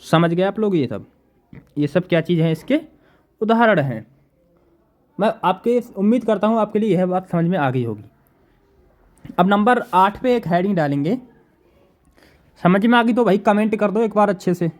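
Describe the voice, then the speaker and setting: A man with a fairly high voice teaches a class. He repeats each definition slowly and keeps asking his students questions to check they follow. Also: expressive. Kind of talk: classroom lecture.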